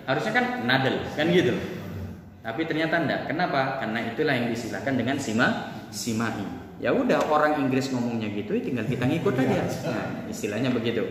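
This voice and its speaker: A man's voice: mid-range voice, animated, fast talker. A man teaching a class in a conversational way, often asking the students questions. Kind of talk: classroom lesson. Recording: echoey room from far off.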